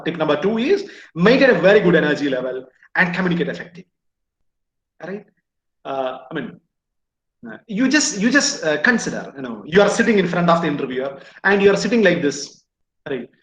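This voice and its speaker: A man with an Indian English accent, lecturing engineering students on job interviews. He repeats his points and keeps asking "right?". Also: high voice. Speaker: placement trainer. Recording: echoey, dull lo-fi room sound.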